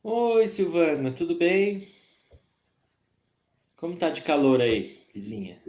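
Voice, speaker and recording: Male live host, hoarse from a cold, slow friendly delivery, roomy echo. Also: a little high, very animated, darkish tone. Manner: slow, friendly, greets viewers by name. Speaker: host of a spiritist live stream. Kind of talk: casual greetings to live chat viewers. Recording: echoey room.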